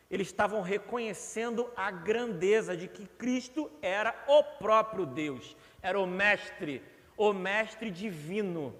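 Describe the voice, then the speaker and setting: A man's voice: sits high, a bit bright. A young Brazilian man preaching a sermon in a church, earnest and repeating words for emphasis. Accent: Brazilian Portuguese. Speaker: pastor. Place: church hall. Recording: long reverb of a church hall.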